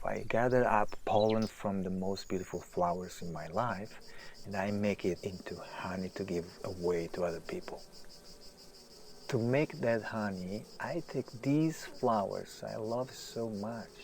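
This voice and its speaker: In a naturalistic audio drama monologue, a man with a lowish voice plays a famous writer who is anguished, restless, and self-deprecating, full of self-doubt. His intense, brooding delivery swings between hushed and emphatic, with clear background hiss and outdoor nature sounds behind him.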